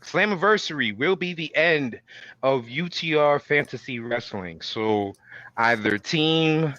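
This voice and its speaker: A man with a forceful, fairly high voice hosts a casual wrestling podcast. He is showy and theatrical, like a ring announcer among fans. The sound is dry and slightly dull, as on a lo-fi recording. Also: animated, unhurried, no room sound. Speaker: podcast host.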